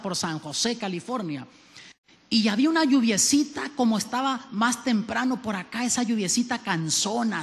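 A male preacher delivering an earnest sermon, asking his congregation questions and telling stories from his youth. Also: sits high. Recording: long hall reverb.

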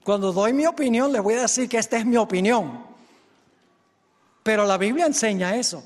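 A man preaching a sermon, telling a story with lively delivery and speaking straight to his congregation. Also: sits high, moderate pace. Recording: echoey hall reverb.

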